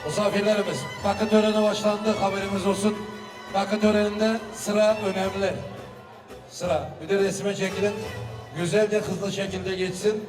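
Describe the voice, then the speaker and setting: A high-voiced man works as a booming wedding announcer, calling guests forward and thanking them. His marks him as a Turkish speaker. The sound is echoey and distant, with music and crowd behind him. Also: little pitch movement, normal speed. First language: not Turkish. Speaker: wedding master of ceremonies. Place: wedding hall.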